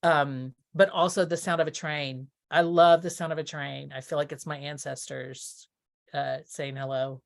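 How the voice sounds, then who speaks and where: A middle-aged theatre producer from Texas, United States, answers interview questions casually in a low-pitched, creaky voice with a steady tone at normal speed. She thinks aloud and corrects herself as she goes.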